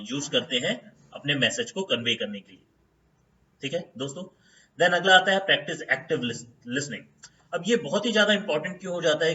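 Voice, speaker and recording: A man in the role of an HR consultant talks viewers through workplace tips in a relaxed, chatty way, peppering his speech with "theek hai" and "uh." His voice is bright and forceful at a middle pitch, and he slows down to stress each step's English heading. The audio sounds somewhat dull and lo-fi. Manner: conversational, fills pauses with "theek hai" and "uh"; stresses English terms slowly when starting each step. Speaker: HR consultant, channel host. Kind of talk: informal lesson to camera.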